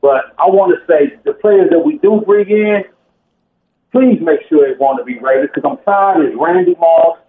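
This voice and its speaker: A man's voice: on the high side, normal speed. A man calling a sports show by phone from just outside a bar, giving emphatic, repetitive, informal opinions. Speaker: phone-in caller. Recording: roomy, noisy, muffled phone line.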